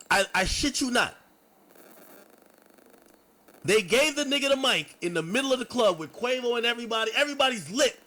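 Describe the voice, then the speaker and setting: Animated man telling a club story. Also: high-pitched, low-quality recording. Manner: animated, profane, acts out quotes. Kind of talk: casual storytelling on a stream.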